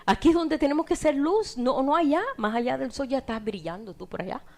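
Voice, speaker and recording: Brief: middle-aged woman preacher, sermon delivery that rises to loud emphasis and drops to hushed asides. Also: high-pitched, brisk. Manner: animated, swings from loud emphasis to near-whispered asides.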